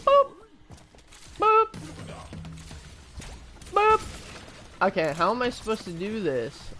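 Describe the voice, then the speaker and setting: Slow, rambling gaming streamer. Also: medium pitch, huge pitch swings, bright, forceful tone, soft background music. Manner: rambling, chatty, trails into tangents and restarts. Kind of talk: casual live-stream commentary.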